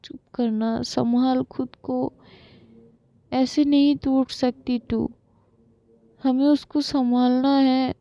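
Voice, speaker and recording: Woman voicing a hushed, firm young friend. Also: high-pitched, level tone, slow, pauses often. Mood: urgent hush. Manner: hushed, urging.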